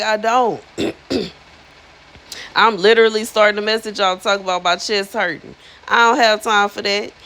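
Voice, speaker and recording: Here a thirtysomething spiritual influencer speaks at medium pitch with a slightly bright tone, chatting casually with her viewers. Her delivery is slangy and emphatic, and she repeats herself for effect; the recording is rough.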